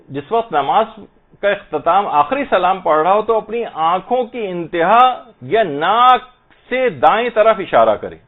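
Man teaching prayer, tinny phone-like sound. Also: fairly high pitch. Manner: slow, careful recitation of Arabic phrases to demonstrate pronunciation; patient explaining tone. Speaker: religious teacher. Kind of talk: Islamic prayer lesson.

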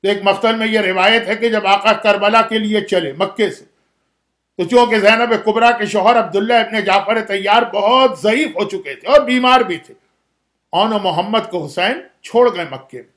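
A man's voice: high-pitched, a bit bright. A man preaching a mourning sermon as an impassioned, dramatic storyteller.

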